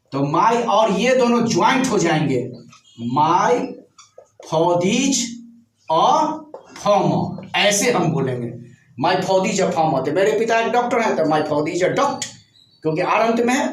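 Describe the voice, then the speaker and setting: A male teacher with a notably high voice lectures his class, walking through each point step by step and repeating key words slowly. He is picked up from a distance, so the sound is roomy and echoing. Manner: addresses students with checking questions.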